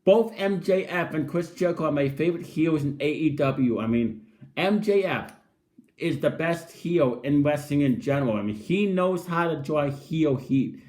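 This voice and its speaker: Higher-voiced man, halting wrestling recap. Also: expressive, darkish tone. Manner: halting, repeats and restarts phrases often. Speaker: wrestling show reviewer. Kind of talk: casual spoken episode recap and review.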